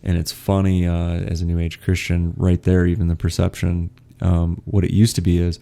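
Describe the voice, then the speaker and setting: A man's voice: deep voice, little pitch movement, moderate pace, gravelly, dark tone. A young man hosting a podcast, talking casually and laughing often, with many fillers. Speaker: podcast host. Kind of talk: casual conversational interview.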